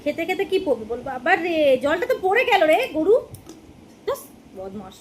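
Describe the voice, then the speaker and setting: High-voiced mother cooing to her baby. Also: animated, brisk. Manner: coaxing sing-song baby talk. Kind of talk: casual home vlog, talking to a baby. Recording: noisy home ambience.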